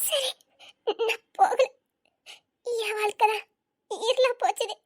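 A woman's voice: extremely high pitch, slow. A woman voicing a hurt young wife who speaks through tears, with a Tirunelveli Tamil accent. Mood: tearful. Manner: tearful, wounded.

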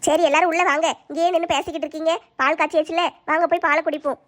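A woman's voice: very high-pitched, flat delivery, very fast, a bit bright. A woman playing an emotional daughter-in-law in a family skit. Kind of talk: family comedy skit acting.

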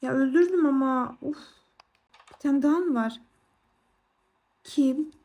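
A young woman chatting casually to viewers while playing a game, excitable and quick to exclaim. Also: high-pitched. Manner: excitable, exclaims and squeals often. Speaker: gaming vlogger. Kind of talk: casual gameplay commentary.

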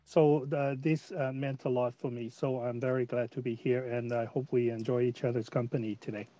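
A man chaplain from Hong Kong giving an earnest, halting greeting on a video call. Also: mid-range voice, flat delivery, warm tone. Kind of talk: brief greeting. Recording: dull, dry video call audio.

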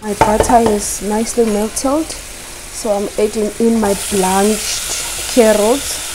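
A young woman calmly narrating a casual cook-along, explaining each step to her viewers from her home kitchen. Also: medium pitch, takes it slowly, very noisy. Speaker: cooking vlogger. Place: home kitchen while cooking. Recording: loud frying sizzle behind voice.

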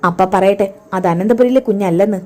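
A woman's voice: medium pitch, fast, a little mellow, lightly acted. A woman doing a firm determined young friend. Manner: firm, resolute.

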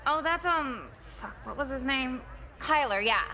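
A gossipy teen girl from a game, blunt and chatty. Her voice is bright and sharp, skipping lively up and down through a slightly high range. She tosses out swears like small talk. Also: unhurried, full character voice. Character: blunt, gossipy sixteen-year-old schoolgirl. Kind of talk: video game voice acting.

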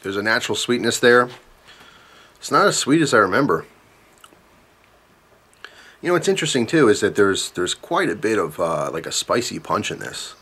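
A man in his thirties giving a casual, chatty product review in a halting, thoughtful way, pausing between short phrases. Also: on the low side, very animated, pushed and bright, breathy edge. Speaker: pipe tobacco reviewer.

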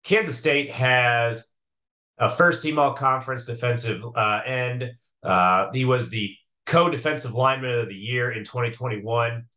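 A man co-hosting a sports podcast, chatting about football in a loose, conversational way. His voice is bright and forward, and he stops and restarts often as he thinks out loud with fillers. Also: medium pitch, measured pace. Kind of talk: casual sports talk.

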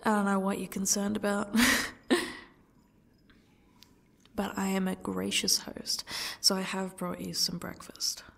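A woman playing a smug, sadistic yandere stalker in a breathy ASMR role-play, talking to her captive in a taunting, condescending way. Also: mid-range voice, expressive, exaggerated voice. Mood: coaxing, threatening. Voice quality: breathy, husky, dropping into speaks softly. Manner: slow, taunting, condescending, faux-gracious.

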